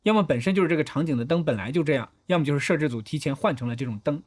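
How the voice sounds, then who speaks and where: Talking very fast in an expressive, slightly high voice, a man hosts a film analysis video. He narrates a methodical breakdown, explaining each shot step by step.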